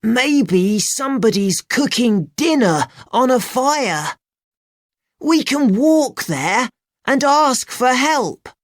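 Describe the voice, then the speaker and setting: A woman voicing an excited young boy. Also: takes it slowly, dry recording, clean studio sound, exaggerated voice. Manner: high, excited childlike delivery.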